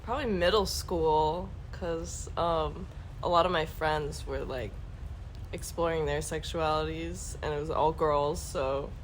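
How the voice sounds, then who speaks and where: A woman's voice: low-pitched, steady tone, unhurried, slight background noise, low-quality recording. A woman in her twenties talking candidly and laughing as a podcast guest. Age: 20s. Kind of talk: casual chat.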